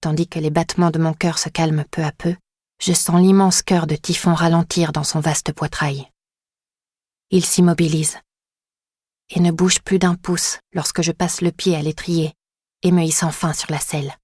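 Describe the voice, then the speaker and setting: A woman reading a first-person dark fantasy audiobook in an intense, dramatic way. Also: deep voice, level tone, normal speed, husky, dry recording, clean studio sound. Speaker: audiobook narrator. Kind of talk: first-person scripted narration.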